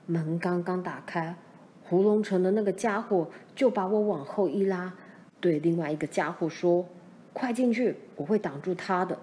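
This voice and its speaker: A woman voices a steady middle-aged pioneer father, speaking low and measured as he recounts events in a tense mood. Her voice sounds natural, with a little hiss or hum.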